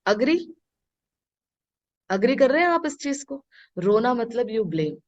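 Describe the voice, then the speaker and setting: A woman spiritual teacher giving a talk to an audience, mixing Hindi and English and asking her listeners questions, with slow, emphatic phrases she repeats. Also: fairly high pitch, sing-song. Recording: dull lo-fi recording.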